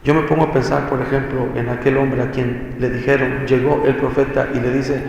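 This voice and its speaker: A man preaching a sermon, exhorting with rhetorical questions and dramatic pauses. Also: medium pitch, level tone, vocal fry, a little mellow. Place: church. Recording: echoey church hall, faint noise.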